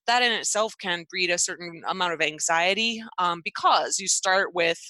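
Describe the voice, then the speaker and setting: Casting: female artist chatting casually, bright forward tone, thoughtful and encouraging, dry close sound. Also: on the low side, normal speed, no echo. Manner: reflective, encouraging. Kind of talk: casual conversation.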